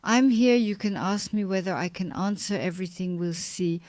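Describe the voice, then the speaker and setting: Woman host, 50s, supportive and affirming; smooth, slightly low voice, dry recording. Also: normal speed, dry recording. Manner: warm, affirming and encouraging. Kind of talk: conversational interview.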